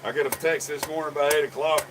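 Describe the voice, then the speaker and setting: A slightly high male voice, flat and fast, comes through a very noisy recording. He hosts a blacksmithing stream from a workshop forge, bantering casually in a folksy, joking way and speaking to viewers by name while he works.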